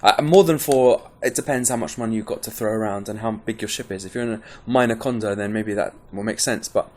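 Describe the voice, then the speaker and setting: Here the pitch is fairly low and the delivery fairly quick. The speaker is a male game guide presenter giving an informal, meandering tutorial on gameplay, talking freely and restarting often, all with a wired, energized manner.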